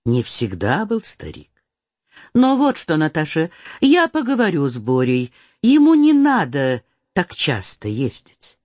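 A woman reading a storybook voices a gentle, amused older countess mother, speaking low and calm. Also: measured pace, dry recording, heavily acted. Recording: slightly dull dry recording.

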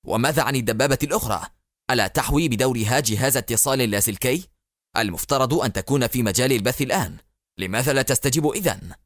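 A man voicing an arrogant, angry male enemy officer, speaking sharply, loudly and impatiently. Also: mid-range voice, fast talker, no room sound, clean studio sound, lightly acted.

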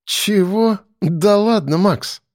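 A man's voice: high voice, slow, no room sound, studio quality, voice pushed up. A man doing a teasing female investigator. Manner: quiet, teasing. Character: sharp-tongued female investigator, mocking.

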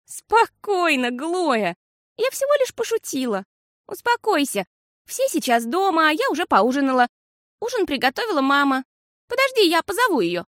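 A woman voicing a mischievous little girl who fibs and teases, speaking in a high, lively voice. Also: no echo, clean studio sound. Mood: teasing. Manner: bright, fast, teasing chatter.

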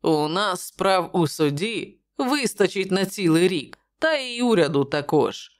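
A woman's voice: lowish voice, lively intonation, measured pace. A woman voicing a jovial, wry male journalist who talks in a bantering way.

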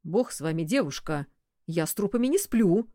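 A brusque, rough-spoken male executive, read by a woman narrator, quick to indignation. The voice swings widely in pitch and sits close and dry on the mic, an audiobook reading. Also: very animated, darkish tone, dry recording, lightly acted. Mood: indignant. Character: brusque middle-aged male commercial director.

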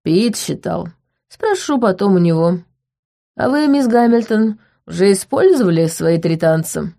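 A woman's voice: mid-range voice, animated, measured pace, gravelly, warm tone. A woman voicing a drunk, arrogant young crown prince with a mocking, slurred drawl.

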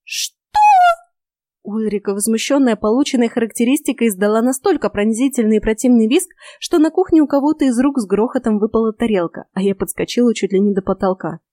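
A woman narrating an audiobook in the first person, in an even storytelling manner, recorded close to a studio mic. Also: on the high side, fast, hardly any pauses, no room sound.

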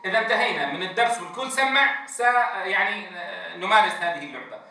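A man's voice: sits high, expressive, fast talker, vocal fry, pushed and bright. A man training Quran teachers in a lecture. He stretches out letter sounds to demonstrate them and keeps checking in with his class. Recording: very echoey room, distant mic.

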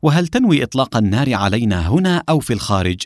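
A man voicing a calm, sarcastic male secret agent in an audiobook. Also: medium pitch, racing, dry recording, studio quality, close to an everyday voice.

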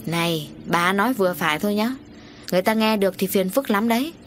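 A woman voicing a harsh, quick-tempered middle-aged husband who barks curt orders. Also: mid-range voice, animated, soft background music, natural voice. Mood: gruff. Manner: curt, barking.

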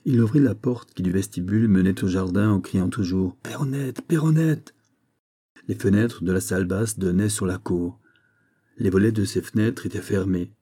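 A man reading a novel aloud as an audiobook narrator, measured and even. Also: sits low, slightly rough. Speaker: audiobook reader.

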